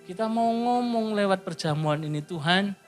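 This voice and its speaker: A middle-aged man preaching a sermon in church, swinging from lively high calls to a near hush, with a lilt. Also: measured pace. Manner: animated preaching, rising high then dropping to a near hush. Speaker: pastor. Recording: soft piano music behind.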